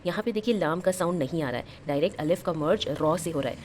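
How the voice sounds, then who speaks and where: Low-pitched woman teacher, patient drilling, faint background hiss. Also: darkish tone. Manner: repeats each term and drills example words slowly. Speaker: Arabic teacher. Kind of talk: explaining lesson, mixing Hindi and English.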